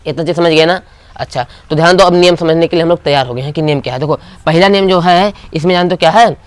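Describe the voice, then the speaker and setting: Man, physics teacher, classroom lecture, quizzes students, smooth clear voice, fairly high. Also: quick pace, no room sound. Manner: call-and-response questioning.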